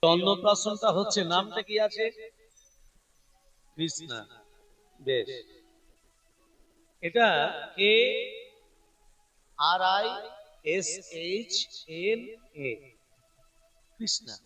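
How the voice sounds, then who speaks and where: A male preacher with a very high, bright voice delivers a devotional sermon. He explains patiently, spelling words out and repeating key points. The mic is set some distance from him. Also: animated, drawn-out words, pauses often, faint music behind. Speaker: kirtan preacher.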